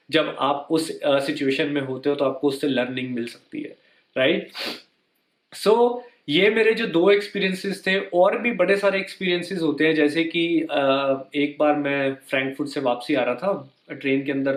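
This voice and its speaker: This young Indian vlogger's fairly high voice rings out in reverberant surroundings as he recounts personal stories to camera. His style is casual, sprinkled with English words, and he acts out the lines of the people he describes.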